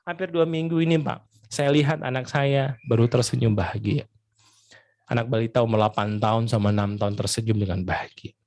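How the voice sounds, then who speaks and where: A man doing a humble, saddened father begging forgiveness. The voice drops lower and softer than his own, slow and sincere, as in a story told on stage. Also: steady tone, no room sound, lightly acted. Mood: apologetic, sad. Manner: apologizing softly, repeating "Pak". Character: apologetic middle-aged father, humble and sad.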